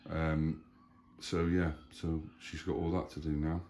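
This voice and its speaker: A man's voice: a bass voice, a little slow. A man chatting casually as a family vlogger, rambling and easygoing. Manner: chatty, rambling, animated when retelling stories. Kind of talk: casual chat.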